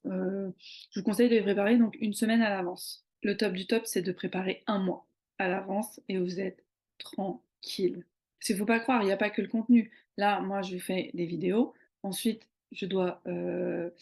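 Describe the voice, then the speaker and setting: A young woman gives a casual video tutorial, talking in a conversational way with many hesitant fillers. Her voice is mellow and warm, at a middle pitch for a woman. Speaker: social media marketing coach.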